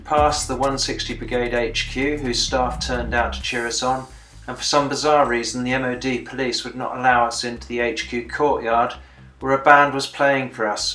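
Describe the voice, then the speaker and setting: Over soft background music in an echoey room, a British man in his sixties, a veteran, gives reflective voice-over for a video diary of a memorial bike ride. He's plain-spoken and dryly understated, his medium voice level, moderately paced, pushed and bright.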